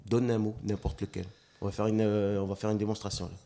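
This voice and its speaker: A man, a dancer and slam artist, chatting as a guest in an interview, telling animated stories and acting out quotes, with frequent restarts. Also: on the low side, fast, gravelly. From New Caledonia. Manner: animated storyteller, acts out quotes, stammers on restarts. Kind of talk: casual interview chat.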